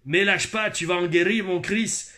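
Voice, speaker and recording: A man's voice: high-pitched, steady tone, normal speed, sharp tone. A man putting on a cheeky Québécois fan. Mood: teasing. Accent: put-on Québécois.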